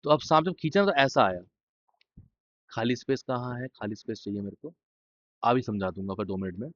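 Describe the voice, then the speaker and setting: A man's voice: mid-range voice, a little fast, fairly bright tone, dry recording, dull audio. A man teaching chemistry in an informal exam-revision lesson. He talks straight to students, repeats key terms and drops blunt, joking asides.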